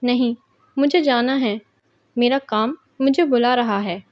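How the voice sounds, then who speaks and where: A woman's voice: on the high side, measured pace, natural voice. A woman voicing a wife who firmly insists on leaving, read plainly in her own storytelling voice. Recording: dull lo-fi recording.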